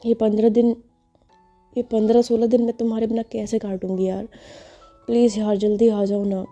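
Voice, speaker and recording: A woman playing a lovesick young wife who talks to a photo in a low, pleading voice that barely rises or falls. Her tone is dark and mellow, with faint music behind her in an audio story. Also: little pitch movement, moderate pace, dull audio, natural voice. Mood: longing. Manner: pleading, sighing, stammering when caught.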